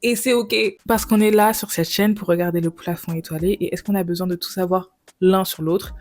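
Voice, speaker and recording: A woman's voice: lowish voice, fairly even intonation, brisk, a little mellow. A woman in her late twenties from France, talking casually to camera in a vlog. She is chatty and playful and drops English words into her talk. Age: 20s. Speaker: YouTuber.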